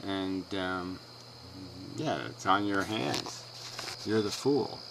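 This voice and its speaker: A man's voice: deep voice, takes it slowly, creaky, noisy background. A man ranting in a sarcastic, dismissive way as he answers another person's video. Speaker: video blogger responding to another video. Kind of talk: combative rant responding to a clip.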